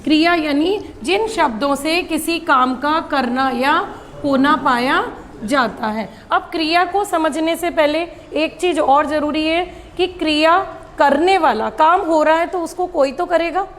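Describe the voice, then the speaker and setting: A woman's voice: high voice, unhurried, in a large hall, a little hiss or hum. A woman teaching a grammar lesson, asking questions and answering them herself.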